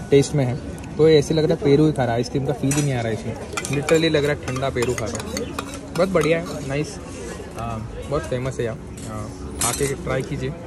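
A young man talking casually as a food vlogger at an outdoor garden restaurant, chatty and upbeat, with many fillers and English words mixed in. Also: mid-range voice. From India. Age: young adult.

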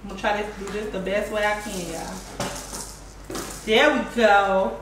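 She speaks slowly in a steady, mid-range voice against a noisy background. A woman in her thirties, she hosts a casual cooking vlog at home, being chatty and playful, with sing-song exclamations and plenty of y'all. A far tripod camera captures roomy kitchen audio.

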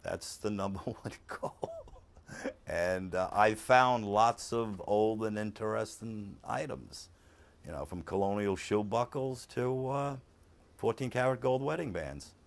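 A low-pitched man talks very slowly about his finds, pausing and hesitating between words. He speaks as a detectorist in a documentary interview. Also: vocal fry. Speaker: metal detectorist.

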